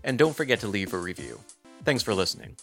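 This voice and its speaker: A man hosting a podcast, asking questions and reading the closing announcements in a measured, explanatory way. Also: fairly low pitch, sing-song, faint music behind. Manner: measured, explains points at length. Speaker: podcast host. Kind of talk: interview and scripted podcast outro.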